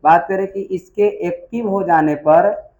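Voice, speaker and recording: A man's voice: high voice, measured pace, a little mellow, low-quality recording. A man teaching a biology class, quizzing students and repeating key terms in a call-and-response style.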